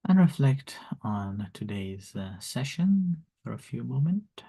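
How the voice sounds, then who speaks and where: A man, a monk teaching meditation, gently leads a calm grounding exercise in slow, soft instructions with long pauses. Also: mid-range voice, creaky, slightly rough.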